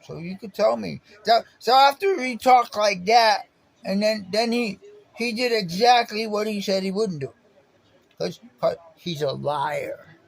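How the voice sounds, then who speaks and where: Slow, gravelly-voiced indignant man. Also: sits high, no room sound, rough recording. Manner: repetitive, halting, indignant. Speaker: vlogger recounting personal experience. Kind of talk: aggrieved personal storytelling.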